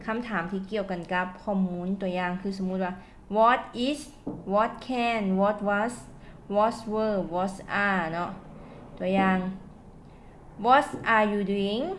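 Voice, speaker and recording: A woman with a Lao accent teaching English at home. She says English phrases slowly and carefully, then quickly translates each one. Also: fairly low pitch, level tone, a little hiss or hum. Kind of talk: casual spoken lesson.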